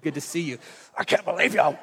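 High-voiced man in his forties, animated storyteller. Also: a little fast, husky, long reverb tail. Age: 40s. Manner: acts out quoted dialogue expressively, self-mocking.

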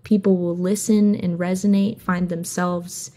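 A young woman from Hawaii, a singer being interviewed, talking openly and earnestly in a casual, soft-spoken way. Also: fairly low pitch, flat delivery, a little slow. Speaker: singer guest.

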